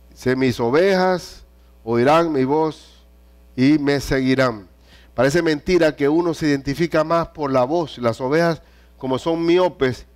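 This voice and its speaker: Animated man preaching a sermon. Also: on the high side. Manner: animated preaching, reading scripture aloud.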